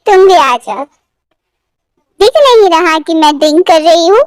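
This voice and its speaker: A woman voicing a tipsy, sulky young woman in love, reading a fan fiction story aloud, with pouty, drawn-out lines. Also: very high voice, lively intonation, no echo.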